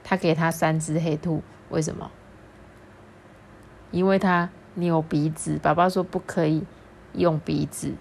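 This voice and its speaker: Slow, playful woman storyteller. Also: low-pitched, fairly even intonation, gravelly, a little mellow, a little hiss or hum. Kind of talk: reading a children's picture book aloud.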